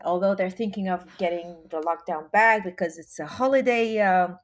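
Guesting on an interview, a female singer from Israel keeps the conversation casual and lively, laughing a lot and frequently starting sentences over. She speaks at an ordinary pace in a lowish voice.

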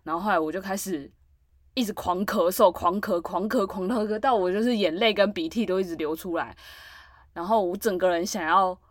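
A woman's voice: medium pitch, brisk, dry recording, clean studio sound. A woman, co-hosting a podcast and telling a long, rambling story full of fillers. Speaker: podcast co-host. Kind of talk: casual chat.

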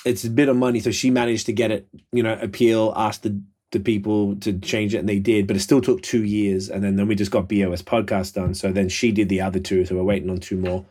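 Low-voiced Kiwi man chatting casually. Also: level tone, fast, few pauses, a little mellow. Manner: slangy, swears freely. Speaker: podcast host. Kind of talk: casual profane podcast chat.

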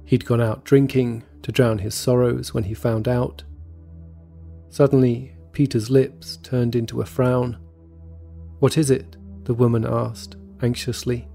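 A man tells a scripted true story in a steady, measured way. His voice is dark and warm, with a gravelly edge. Faint music plays beneath his narration. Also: medium pitch. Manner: measured, even storytelling delivery. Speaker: podcast narrator. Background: faint background music.

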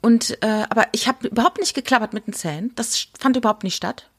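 A woman co-hosting a casual podcast, telling an animated personal story and acting out her own thoughts. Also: a little high, fast talker. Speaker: podcast co-host.

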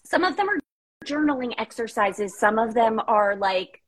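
Husky-voiced woman telling candid stories. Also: on the high side, normal speed, low-quality recording. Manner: candid, animated storytelling with many "like" fillers. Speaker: podcast guest. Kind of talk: casual chat.

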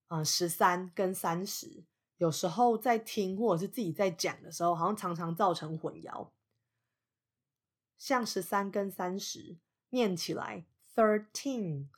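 Lady teaching english, kinda low voice, slows way down on examples. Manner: patient, spells out English examples slowly. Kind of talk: explaining vocabulary lesson.

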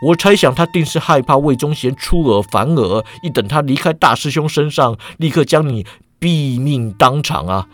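A man's voice: mid-range voice, lively intonation, normal speed, hardly any pauses. A male storyteller reading a serialized martial-arts novel in a leisurely way, drawing out his sentence-final particles.

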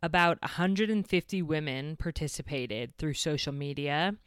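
A woman's voice: low-pitched, normal speed, clear, resonant tone, no room sound, clean studio sound. A woman hosting a podcast, reading a scripted introduction. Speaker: podcast host.

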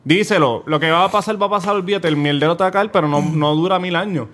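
A man's voice: high voice, fast talker, fairly bright tone. A man in a loose podcast chat, in a slightly raised register. He talks emphatically, circling back to repeat his point, thick with slang. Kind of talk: casual podcast banter.

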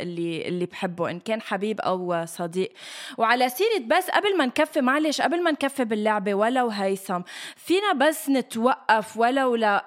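Levantine arabic woman chatting on a podcast, voice a bit on the high side. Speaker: podcast co-host. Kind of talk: casual chat.

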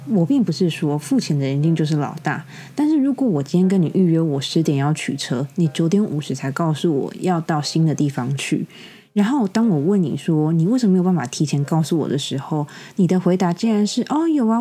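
An exasperated young woman with a Taiwanese Mandarin accent hosts a podcast, speaking fairly quickly in a deep voice with a breathy edge. She tells a story in a casual monologue, animatedly retelling events with quoted dialogue, over a soft, faint music bed.

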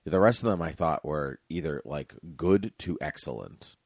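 Very deep-voiced man giving blunt movie opinions. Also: expressive, moderate pace, no room sound, studio quality. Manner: blunt, joking, hesitant restarts. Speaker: podcast co-host. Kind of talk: casual chat about old movies.

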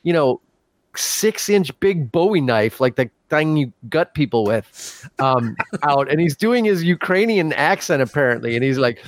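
A man's voice: a little high, expressive, measured pace, dry recording. A man hosting a podcast in casual chat, telling stories with frequent laughs and fillers. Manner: chatty storyteller, laughs often, many fillers. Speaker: podcast host.

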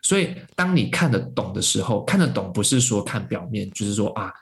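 A man's voice: fairly low pitch, sing-song, fairly quick, creaky. A man telling a story in casual conversation, with many fillers and restarts, acting out the voices of the people in it. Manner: acts out quoted voices of parents. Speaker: podcast guest.

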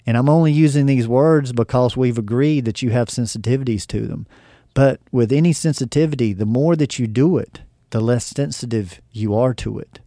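Speaking at normal speed in a mellow, medium-pitched voice, a man guests on a podcast as a teacher. He explains ideas reflectively, full of fillers, and acts out conversations from memory, recorded in studio quality with no room sound.

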